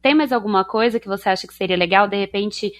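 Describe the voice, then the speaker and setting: A woman's voice: medium pitch, very fast, fairly bright tone, no echo. Woman, Brazilian Portuguese accent, podcast host, friendly, affirming, dry close sound. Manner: friendly, affirming, asks long winding questions. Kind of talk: interview questions.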